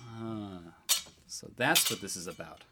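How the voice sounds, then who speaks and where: A man's voice: on the low side, animated, unhurried, very noisy. A man voicing a cocky, teasing young prince and husband in a student radio drama.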